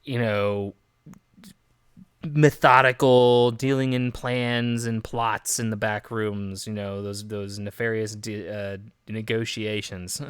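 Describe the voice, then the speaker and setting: A man's voice: fairly low pitch, steady tone, takes it slowly, clean tone, dry recording, studio quality. A man chatting casually as a gaming streamer, rambling with many fillers and restarts. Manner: laughs easily. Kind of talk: casual game commentary.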